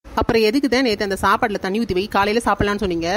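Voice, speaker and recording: Quick sassy cartoon daughter-in-law, woman doing her, lazy and cheeky, mutters to herself, tirunelveli tamil. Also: medium pitch, a little hiss or hum, natural voice.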